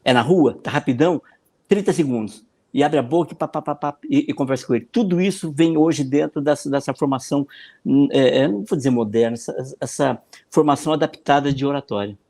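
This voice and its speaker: A man with a Brazilian accent explains his coaching work in a podcast interview. He talks in an animated way, repeats words to stress them and slips into quoted voices. His voice sits at an ordinary pitch. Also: fairly quick. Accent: Brazilian Portuguese. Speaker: political consultant and speaking coach.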